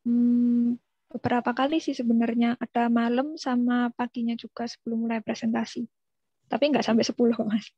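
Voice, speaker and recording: A woman's voice: a little high, flat delivery, moderate pace, warm tone, no room sound, lo-fi sound. A young woman asking a question in a webinar, politely and hesitantly, with many fillers.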